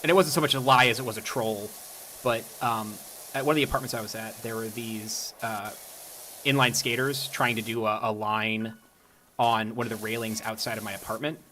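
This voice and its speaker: A young man on a live stream, talking casually and spinning wry anecdotes full of ums. His voice is bright and forward, with a faint hiss of noise underneath. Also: fairly low pitch, steady tone, fairly quick, low-quality recording. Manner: wry storytelling with frequent ums.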